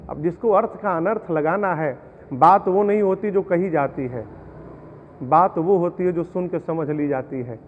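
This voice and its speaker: A man gives a preacherly devotional discourse in a fairly high voice. He explains verses homely examples, then chants them slowly. The sound is tinny and narrow, a long hall reverb behind it. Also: a little hiss or hum. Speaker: religious storyteller.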